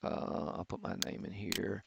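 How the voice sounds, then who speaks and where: A middle-aged man teaching architecture students, talking through a software tutorial with many fillers and restarts. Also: unhurried, noisy background. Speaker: architecture instructor. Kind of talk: screen-recorded software tutorial. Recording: dull, lo-fi screen capture.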